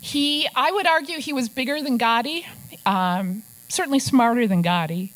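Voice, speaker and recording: An older Minnesota woman, an investigative journalist, tells stories to a press club audience in a fairly high, animated voice with a fairly bright tone at a moderate pace. She drops wry asides and slips into gruff voices when quoting people.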